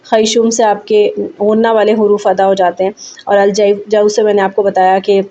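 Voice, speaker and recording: A woman's voice: medium pitch, little pitch movement, mellow. A woman explaining a recitation lesson step by step, with hesitant fillers. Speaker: recitation teacher. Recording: dull, muffled lo-fi audio.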